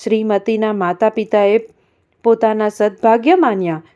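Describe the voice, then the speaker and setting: A woman with a mellow, warm voice narrates a religious story in a calm, steady manner. The recording sounds slightly dull and muffled. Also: medium pitch, moderate pace. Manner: calm, even storytelling read aloud.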